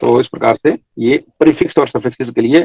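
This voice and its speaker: A man's voice: medium pitch, creaky, husky, no echo, highs cut off. A middle-aged man from India teaching an English class online, going over examples again and again. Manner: slow, repeats examples, mixes English terms into explanations.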